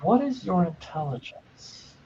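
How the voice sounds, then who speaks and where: Animated, digressive game master. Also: mid-range voice, measured pace, vocal fry, distant mic. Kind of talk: improvised tabletop game narration, casual chat. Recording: dull webcam audio with some noise.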